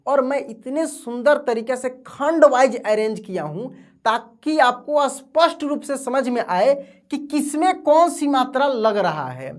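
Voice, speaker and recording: A woman's voice: high-pitched, animated, unhurried. A woman teacher giving an online alphabet lesson, asking and answering her own questions.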